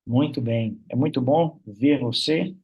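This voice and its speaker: A chatty man from Minas Gerais, Brazil, hosts an online prayer meeting over a video call, warmly and casually, sprinkling his speech with fillers like "né." His mid-range voice is unhurried, creaky, husky and narrow, and the audio sounds tinny.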